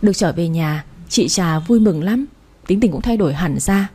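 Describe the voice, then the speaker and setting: Mellow, husky woman narrating a story. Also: fairly low pitch, expressive, normal speed. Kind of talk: first-person story narration.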